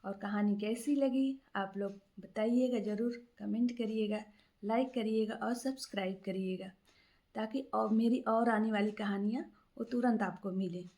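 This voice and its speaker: A woman's voice: medium pitch, steady tone, moderate pace, warm tone. A woman casually telling a moral story aloud, unscripted, with frequent fillers and restarts.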